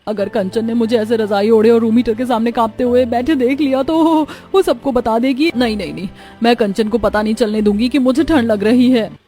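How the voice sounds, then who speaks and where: High mocking young city woman show-off, voiced by a woman, cartoon. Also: steady tone, a little fast, hardly any pauses, mellow, soft background music, lightly acted. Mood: fretful. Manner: mocking, showy.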